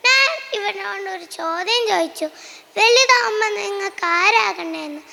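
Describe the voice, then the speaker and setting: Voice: extremely high pitch, moderate pace, creaky, noisy background, exaggerated voice. ഒരു കുട്ടി അവതരിപ്പിക്കുന്ന സൗമ്യയായ teacher. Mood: earnest. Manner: gentle, coaxing classroom tone. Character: kind, cheerful schoolteacher. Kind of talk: school stage monoact. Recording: echoey school hall.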